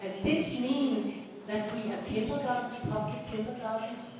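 An older woman with a Danish accent speaks earnestly from the audience, pausing and restarting as she goes. Her handheld mic is heard from a distance in a big, echoing hall with a long reverb tail. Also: a little high, steady tone, background noise. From Denmark. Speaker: audience member at a panel. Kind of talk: speaking from the floor. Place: large conference hall, standing in the audience. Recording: roomy hall picked up from afar.

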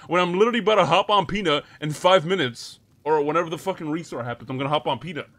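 A man's voice: sits high, a bit bright. A man streaming live through a voice changer, talking to his chat in a brash, teasing, profane way.

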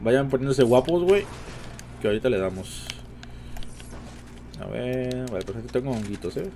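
Excitable Mexican gaming streamer man. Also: moderate pace, gravelly, slight background noise. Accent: Mexican Spanish. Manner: excitable, jumps to high-pitched exclamations; chatty, addresses viewers constantly. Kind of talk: casual gameplay commentary.

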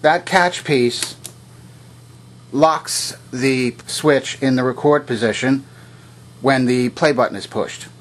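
With a mid-range voice, a slow pace, and long pauses, a man presents vintage electronics demonstrations over a slight hiss or hum. Unscripted and methodical, he explains each step in a plain, instructional way.

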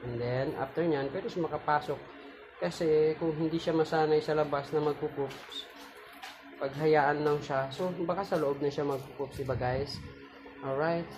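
A man's voice: fairly high pitch, fairly even intonation, normal speed, over music. A man chatting in a casual vlog, teasing and scolding his puppy in playful baby talk. He is recorded outdoors on a phone camera. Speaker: vlogger. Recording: outdoor noise behind.

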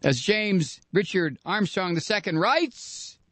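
A man's voice: sits high, lively intonation, slow, fairly bright tone, no echo. Sarcastic male radio talk host. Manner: sarcastic, indignant, mocking. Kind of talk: opinionated political radio monologue.

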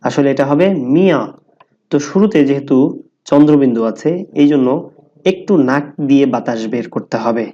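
Male teacher, mellow dark voice, patient explanatory delivery, dull lo-fi recording. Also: medium pitch, lively intonation. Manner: explanatory, repeats words slowly for emphasis. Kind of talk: pronunciation lesson to camera.

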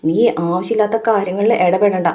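A woman's voice: mid-range voice, steady tone, fairly quick, dark tone, natural voice. Woman voicing an angry young man scolding.

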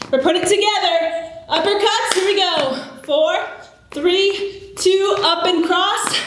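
A middle-aged woman working as an aerobics instructor, energetically calling out moves and counts with encouragement as she exercises. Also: extremely high pitch. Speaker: fitness instructor. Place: large indoor exercise studio with wooden floor. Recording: very echoey studio, clear background noise.

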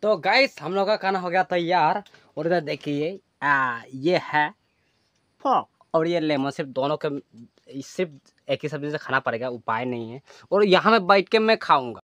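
A man's voice: fairly high pitch, moderate pace, fairly bright tone, dry recording. A young man chatting casually to viewers in a vlog, filmed on a phone at arm's length outdoors. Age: young adult. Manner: chatty, addresses viewers directly. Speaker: vlogger. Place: outdoors by a river, then a hut indoors. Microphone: phone camera held at arm's length.

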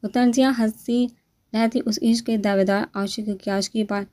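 A woman narrates a romance novel aloud, reading steadily with a dramatic touch. Her voice is mellow and warm, pitched in a middle range for a woman. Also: steady tone.

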